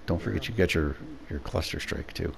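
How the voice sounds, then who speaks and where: A young man commenting on a game with a friend, swearing often and calling out tactics with excitement. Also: deep voice, fairly quick, gravelly, slight background noise. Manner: profane, excitable tactical callouts. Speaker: gamer streaming with a friend. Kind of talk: casual gaming commentary.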